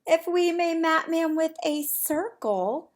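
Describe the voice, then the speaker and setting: A preschool teacher reads a picture book aloud to young children, sounding expressive and sing-song and often asking them questions. She has a very high voice and takes her time.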